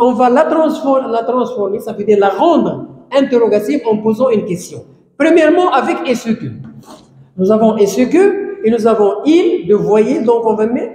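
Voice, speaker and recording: A man teaching a grammar lesson, explaining slowly and repeating phrases while stressing key words. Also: high voice, mellow. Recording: echoey room, long reverb.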